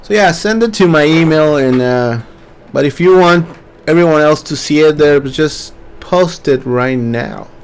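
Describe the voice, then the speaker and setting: Slow-talking male live-stream host. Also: fairly high pitch, clear, resonant tone. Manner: relaxed, reads chat questions aloud, many fillers. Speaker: webinar host.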